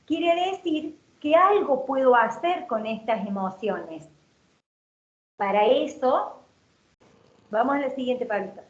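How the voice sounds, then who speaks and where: A woman's voice: high-pitched, expressive, slow pace, long pauses. A woman giving an educational workshop talk, explaining things and asking rhetorical questions. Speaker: workshop speaker. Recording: roomy, dull lo-fi sound.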